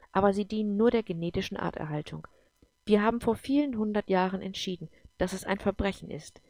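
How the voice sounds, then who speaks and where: Brief: patient explaining man, read by a woman, gravelly, dry close sound. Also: mid-range voice, a little mellow, dry recording, close to an everyday voice. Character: calm adult man explaining his world.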